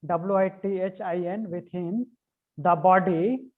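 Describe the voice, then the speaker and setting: A slow-speaking man with a fairly high voice teaches yoga anatomy over a video conference call. He dictates notes, repeats his phrases and spells out key words letter by letter. The call audio sounds narrow and phone-like. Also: fairly even intonation. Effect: heard over a video conference call. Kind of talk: online class lecture, dictating notes.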